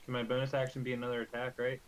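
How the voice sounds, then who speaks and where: A man's voice: mid-range voice, completely flat delivery, racing, rough recording. A man playing a rogue in a tabletop game, eagerly asking about his options. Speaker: player. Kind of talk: casual tabletop play. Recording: faint hiss.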